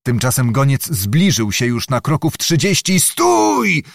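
A man narrating a historical novel in an expressive, theatrical reading. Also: medium pitch, moderate pace, no echo, clean studio sound. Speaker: audiobook narrator.

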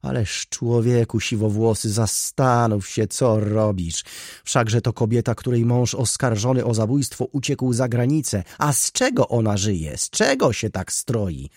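A man's voice: mid-range voice, lively intonation, measured pace, darkish tone, no room sound, clean studio sound, pitched above the performer's own voice. Man doing a wailing, melodramatic baroness. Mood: ranting. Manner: melodramatic, indignant, sobbing outbursts. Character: hysterical, self-righteous aristocratic baroness, middle-aged woman.

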